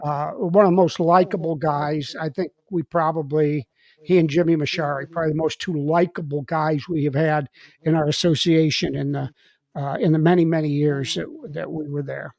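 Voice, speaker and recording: Man with a slightly high voice, halting podcast co-host. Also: fairly even intonation, creaky, darkish tone, dry recording. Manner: hesitant, halting speech. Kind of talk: casual conversation.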